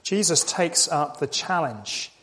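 A man's voice: on the high side, animated, takes it slowly, a bit bright. A man preaching a sermon in a conversational way, asking rhetorical questions and repeating key lines.

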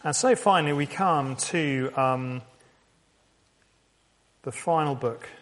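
A man preaching a sermon, reading scripture quietly and then asking pleading questions in a raised voice. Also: fairly high pitch, slow. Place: church meeting.

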